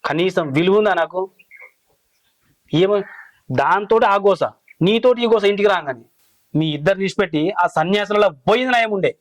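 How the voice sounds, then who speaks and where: A man's voice: high voice, moderate pace, pauses often, no room sound, lightly acted. A man, playing a hungry, henpecked village husband complaining to his wives. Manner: whining, complaining.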